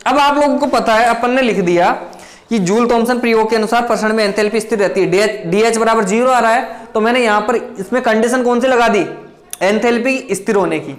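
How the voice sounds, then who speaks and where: A man teaching chemistry, dictating notes line by line and repeating key phrases, quick between the dictation. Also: extremely high pitch. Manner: talks fast between dictation. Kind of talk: blackboard lecture.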